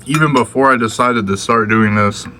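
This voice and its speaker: A man's voice: mid-range voice, moderate pace, bright, forceful tone, slight background noise. Laid-back young man vlogging. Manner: laid-back, slangy, talks with mouth full. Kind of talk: casual vlog chat.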